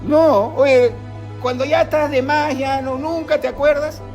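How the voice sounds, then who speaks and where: High-voiced Peruvian man telling stories. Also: steady tone, measured pace, darkish tone, faint music behind. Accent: Peruvian Spanish. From Peru. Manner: folksy, storytelling, preachy asides. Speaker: radio host. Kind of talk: spiritual talk and anecdote.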